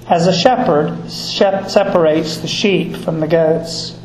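A middle-aged male priest from Georgia, reading scripture and preaching at a service in a measured, deliberate way, with a cathedral-like echo around his voice. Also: on the high side, a little mellow. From Georgia, USA. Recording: echoey church with faint background noise.

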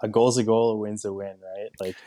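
Low-voiced man, crude joker, casual sports-show guest calling on his phone from a home basement. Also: level tone, brisk, dark tone, no room sound, studio quality. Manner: jokey, crude humour. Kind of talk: casual joking chat.

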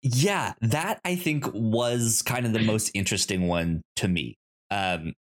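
A podcast co-host in a casual film discussion, this man has a lowish voice and speaks haltingly. He stutters, often repeating syllables and words.

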